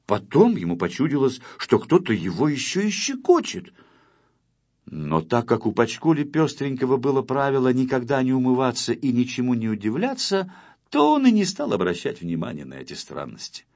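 A man narrating a children's storybook in an expressive, lively way. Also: mid-range voice, moderate pace. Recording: dull lo-fi with faint music.

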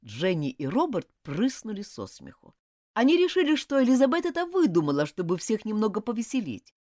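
Female storybook narrator, expressive and very animated, dry close-miked sound. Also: medium pitch, a little fast, dry recording. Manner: animated, dramatic reading. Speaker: audiobook narrator.

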